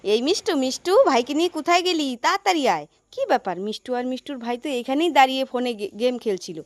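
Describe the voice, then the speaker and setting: A woman, playing a mother in a scripted comedy skit, animated and scolding, narrating to herself outdoors. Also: sits high, racing, dry recording. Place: outdoors in a yard.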